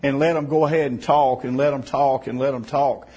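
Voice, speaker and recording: A man delivers a heartfelt sermon in a husky, slightly breathy voice of ordinary pitch. He builds to emphatic, raised phrases, then drops low and quiet to press a point home. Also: fairly even intonation, fairly quick. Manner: fervent, rising to emphatic bursts then dropping soft. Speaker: preacher.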